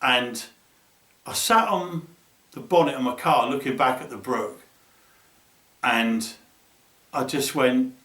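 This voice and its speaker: Male storyteller, animated and cheeky, middling pitch, distant roomy recording. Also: takes it slowly, pauses often. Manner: animated, swears freely, acts out voices with laughter. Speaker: angler telling stories. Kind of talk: casual storytelling.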